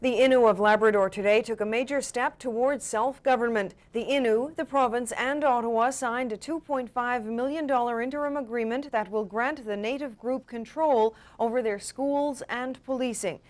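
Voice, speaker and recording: A female television news anchor. Her voice is a little high for a woman, and she reads scripted introductions to news reports. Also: moderate pace.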